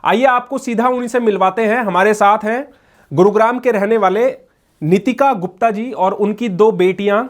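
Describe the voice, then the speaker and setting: A man's voice: sits high, moderate pace. A male local news reporter marvelling aloud as he quizzes children and talks to their mother. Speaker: news reporter interviewing a family.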